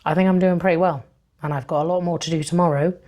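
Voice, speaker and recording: A woman chatting casually about books in a vlog, rambling with ums, her voice breathy and fading as she loses it. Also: lowish voice, steady tone, quick pace, mellow, highs cut off. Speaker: book vlogger. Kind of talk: casual book review vlog.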